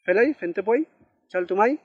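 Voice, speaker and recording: High-voiced man teaching pronunciation. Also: expressive, slightly rough, dull audio. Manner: patient, repeats words slowly, checks with "¿ya?". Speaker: language teacher. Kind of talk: pronunciation lesson.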